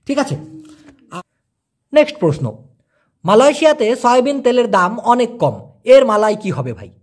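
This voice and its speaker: A man's voice: very high voice, big pitch swings, normal speed. A man teaching as a language teacher, answering viewer questions and explaining step by step, often checking that listeners follow.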